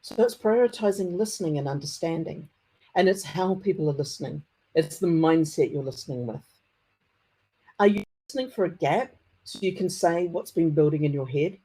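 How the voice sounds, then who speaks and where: A middle-aged conference speaker with a broad Kiwi accent and a soft, husky voice. The delivery is mellow and deliberate, explaining step by step, with a slight stutter now and then. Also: mid-range voice, poor audio. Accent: broad New Zealand. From New Zealand. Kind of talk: conference presentation.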